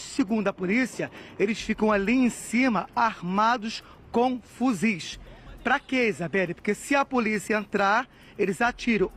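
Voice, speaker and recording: A man field reporter giving a brisk live news report outdoors in a city neighborhood. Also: sits high, a bit bright. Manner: brisk, hands over to a colleague on air.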